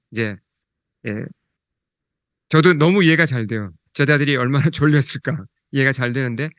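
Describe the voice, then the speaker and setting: Korean-speaking male pastor, higher voice. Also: clear, resonant tone, dry recording, clean studio sound. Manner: asks the congregation questions, reads scripture aloud; slows down and drops soft when quoting scripture. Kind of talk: sermon.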